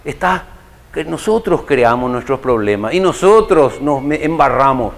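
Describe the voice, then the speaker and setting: A man giving an unhurried spiritual lecture to an audience, often posing rhetorical questions. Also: medium pitch, expressive. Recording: long hall reverb.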